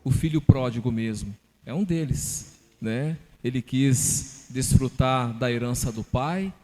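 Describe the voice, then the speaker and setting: A pastor explaining scripture in a church podcast, teaching through rhetorical questions. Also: male voice, mid-range voice, measured pace, darkish tone. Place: church hall. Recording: reverberant church hall.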